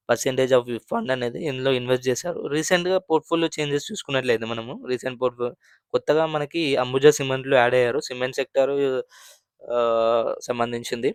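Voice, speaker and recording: A man hosting a finance channel explains mutual fund figures conversationally, with frequent fillers and restarts and a mix of English terms. His medium-pitched voice is steady, fast, clear, and resonant, recorded dry with clean studio sound.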